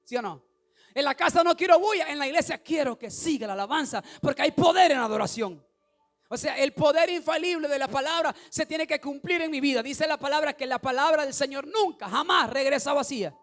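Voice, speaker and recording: A male pastor, preaching an animated sermon that rises to shouts and puts questions to the congregation. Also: extremely high pitch, fairly quick.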